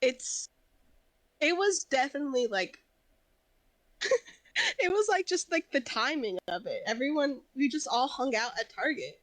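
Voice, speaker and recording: A woman's voice: high-pitched, expressive, measured pace, pauses often, fairly bright tone, no echo, rough recording. A woman co-hosting a podcast, telling anecdotes in casual chat and laughing often. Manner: laughs often, chatty storytelling. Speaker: podcast co-host.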